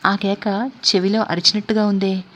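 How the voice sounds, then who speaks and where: A fearful young woman, anxious and pleading, begging to be let off in a spoken ghost story, as a woman narrator puts her on. Her voice is plain and mid-pitched. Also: little pitch movement, normal speed, dull audio, close to an everyday voice. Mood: frightened.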